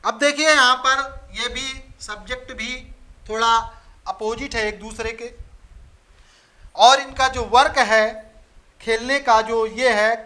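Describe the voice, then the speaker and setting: An Indian man teaches English grammar in a fairly high, bright voice. He moves through his examples very slowly and repeats each phrase as he writes it out. The explanation is in a patient classroom style. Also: steady tone.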